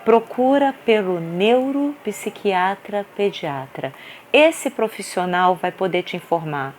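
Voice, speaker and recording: A woman's voice: mid-range voice, slow, a little hiss or hum. A woman in her thirties with a Brazilian Portuguese accent, a mother earnestly telling her own story to the camera, restarting often. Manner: earnest, animated, many restarts and repeated fillers. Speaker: vlogger mother sharing her experience.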